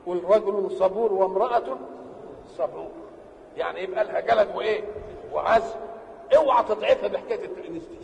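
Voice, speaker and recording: A man with an Egyptian Arabic accent giving a religious lesson. He asks questions and answers them himself, and he stretches key words slowly for emphasis. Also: sits high, gravelly. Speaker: religious teacher. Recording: reverberant hall with faint background noise.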